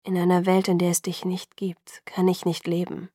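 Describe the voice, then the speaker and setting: A woman's voice: monotone, no room sound, studio quality, close to an everyday voice. A woman whispering as a brooding young vampire lover. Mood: hushed earnest. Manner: hushed, low, slow and earnest. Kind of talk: whispered role-play.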